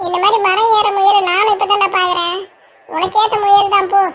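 A storyteller voicing cartoon village friends in a very high sped-up voice, trading lively banter. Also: brisk, a little hiss or hum.

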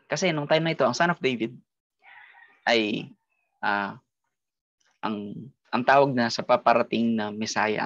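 Filipino male Bible study teacher, gravelly mid-pitched voice, explanatory, dull dry call audio. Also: fairly bright tone, no echo. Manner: explains with frequent tag questions and mixes English into Tagalog. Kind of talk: online Bible study lesson.

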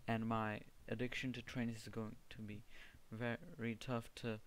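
Casually commenting on his gameplay, a young gaming video creator from the Czech Republic talks a little slowly in a flat, medium-pitched voice with a strong Czech accent. He sits at his home gaming PC, hesitating often, restarting words and pausing to find terms.

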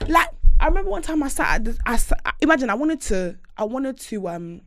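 A woman's voice: on the high side, very animated, quick pace, no echo. A young woman with an urban London street accent chatting as a podcast host, emphatic and slangy, repeating phrases for effect in a studio. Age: young adult. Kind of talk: animated casual chat about hot topics. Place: small podcast studio, indoors. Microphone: close studio desk microphone.

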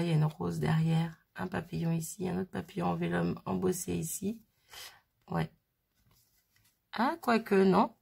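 Giggling and rambling with a sniffly nose, a thirty-something crafting vlogger talks casually as she opens a birthday parcel. Her voice is on the low side, gravelly and a little breathy.

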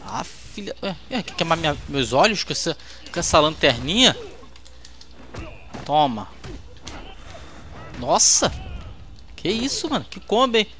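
A man with a Brazilian accent giving excitable, trash-talking commentary while playing a fighting game. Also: on the high side, measured pace, pauses often. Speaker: gameplay host. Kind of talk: let's-play commentary.

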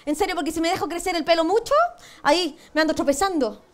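A Chilean woman with a very high-pitched voice rattles fast through a stand-up monologue on a TV panel show, cheeky, self-mocking and crude in her punchlines. The studio audience can be heard laughing.

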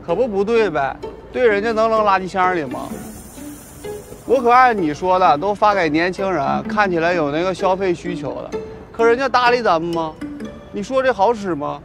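A man's voice: high voice, expressive, moderate pace, over music. A man acting in a TV drama, complaining and sarcastic. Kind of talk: TV drama dialogue.

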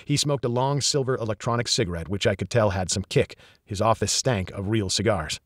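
A man reading a first-person thriller audiobook in an even, measured storytelling manner. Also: on the low side, no room sound, clean studio sound. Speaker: audiobook narrator.

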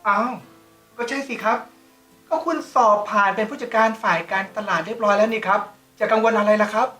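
A woman's voice: on the low side, fairly quick, fairly bright tone, faint music behind, natural voice, rough recording. A woman playing a polite, formal male company president in an online short drama. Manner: formal and polite, addresses staff courteously.

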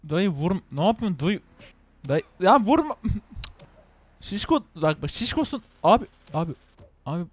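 A young man from İzmir with a Turkish accent, joking and excitable as he comments on his own gameplay and talks to the characters. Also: high-pitched, unhurried, long pauses. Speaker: gaming channel host.

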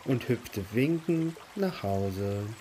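A man reading a picture book aloud to children in a slow, gentle and expressive way. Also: medium pitch, a little hiss or hum.

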